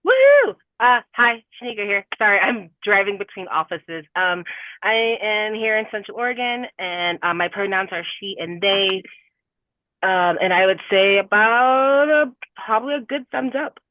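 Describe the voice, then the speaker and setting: A woman's voice: mid-range voice, very animated, normal speed, no echo. A woman calling into an online meeting on her car speakerphone while she drives, checking in in an upbeat, informal way. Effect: calling in by car speakerphone while driving. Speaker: commission member. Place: in a car, driving. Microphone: car speakerphone over a phone call. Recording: tinny phone line from a car.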